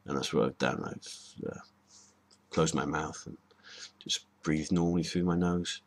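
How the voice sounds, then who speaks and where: Brief: man, very low and husky voice, rambling casual monologue host. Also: measured pace. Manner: rambling, hesitant, with frequent ums and restarts. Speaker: video host.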